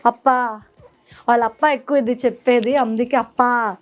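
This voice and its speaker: High-voiced young mother in playful baby talk. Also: steady tone, normal speed. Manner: playful sing-song baby talk to a toddler. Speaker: mother and vlogger. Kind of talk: casual home vlog with her toddler.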